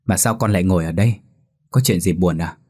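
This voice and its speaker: A man voicing a puzzled village father just back home, asking gentle questions, in a spoken ghost story. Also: low-pitched, fast talker, slightly rough. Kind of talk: horror story reading.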